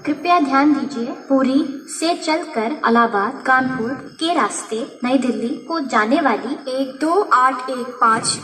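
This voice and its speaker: Over a railway station's PA speakers, a high-pitched woman with an Indian accent reads formal scripted announcements in Hindi and English, delivered in measured, stitched-together phrases. The loudspeaker sound is echoey, picked up by a distant mic with music in the background.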